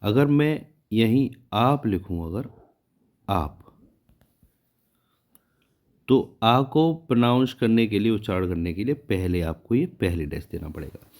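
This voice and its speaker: Male shorthand tutor, low unhurried delivery, patient, explains every stroke. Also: a little mellow. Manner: patient, repeats "ठीक है" to check understanding; counts and names the strokes as he draws them. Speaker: Hindi shorthand teacher.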